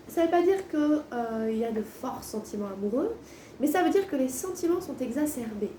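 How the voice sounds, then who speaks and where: A woman giving a casual tarot reading to viewers, thinking aloud, her voice a little hoarse and thick from a sore throat with swollen tonsils. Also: on the high side, dark tone. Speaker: tarot card reader, host. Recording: roomy echo, distant mic, faint noise.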